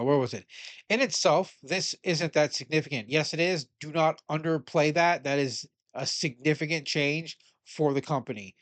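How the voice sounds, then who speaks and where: A man's voice: a little high, fairly bright tone, no room sound. A man giving casual, opinionated commentary while reading a news article aloud and arguing with it. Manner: blunt, opinionated, swears casually; argues with the article as he reads it aloud.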